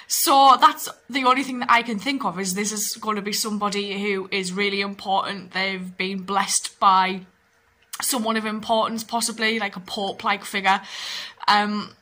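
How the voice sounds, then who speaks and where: A woman's voice: medium pitch, fairly even intonation, normal speed, pushed and bright. A young woman hosting a reaction video, chatting casually and thinking aloud as she watches. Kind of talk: casual commentary while watching.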